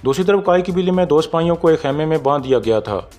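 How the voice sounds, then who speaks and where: A man with a Pakistani Urdu accent narrates a drama episode recap in a steady storytelling manner, reading the characters' lines out in his own voice. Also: on the high side, fast talker. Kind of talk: scripted narration. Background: faint background music.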